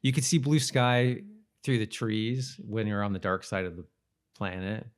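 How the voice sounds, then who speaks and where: A podcast co-host chats casually about a TV episode, his speech loose and hesitant, often trailing off. His voice is lowish and clean, at a normal speed.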